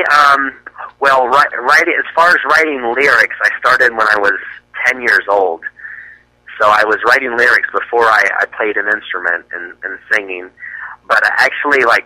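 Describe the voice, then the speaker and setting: A man's voice: lowish voice, sharp tone, dry recording, low-quality recording. A young man from the US East Coast, a musician answering interview questions in a casual, hesitant way with many fillers and restarts. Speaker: musician guest.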